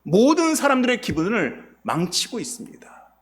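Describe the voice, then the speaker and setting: A man's voice: high voice, huge pitch swings, moderate pace. A male pastor preaching a sermon, posing rhetorical questions to his congregation. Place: church sanctuary.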